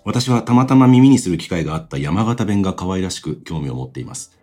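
A man co-hosting a casual podcast, reading out listener mail and musing in a relaxed way that trails off softly. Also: low-pitched, quick pace, soft background music. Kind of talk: casual chat.

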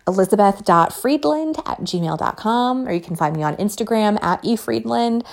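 A woman's voice: medium pitch, expressive, moderate pace, vocal fry. A woman in her thirties hosting a solo podcast, chatting candidly and joking at her own expense. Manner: candid, chatty, self-deprecating. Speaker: podcast host. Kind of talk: casual solo podcast talk.

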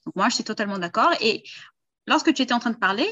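A woman interviewing a guest in a calm, agreeable and measured way during a casual conversation. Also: fairly high pitch, lo-fi sound.

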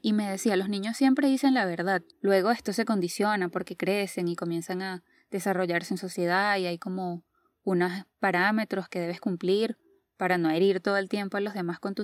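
A woman's voice: medium pitch, dry recording, studio quality. A woman in a reflective personal talk, earnest and musing, reading a caption aloud and sharing advice she got.

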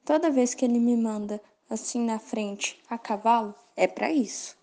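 A woman's voice: on the high side, moderate pace, mellow, close to an everyday voice. A woman playing an earnest young male servant who speaks matter-of-factly in a stage play.

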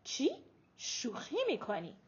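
A woman reading an audiobook, voicing a coquettish, sharp-tongued older grandmother in quick, lively retorts. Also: on the high side, breathy edge, full character voice. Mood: puzzled. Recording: dull lo-fi audiobook recording.

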